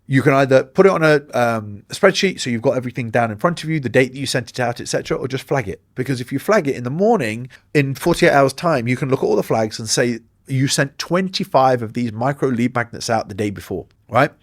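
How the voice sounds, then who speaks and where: An energetic man coaching online fitness coaches in a direct instructional talk. His voice sits mid-range and he acts out sample messages in brisk asides. The sound is dry and close, with no room around it. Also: mid-range voice, no room sound.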